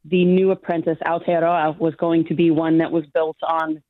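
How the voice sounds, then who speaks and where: Her voice is low and her pace moderate as this show judge, a woman not from New Zealand, joins a remote interview. The recording is dry and thin, like a phone or video call, and she comes across confident and animated, laughing frequently.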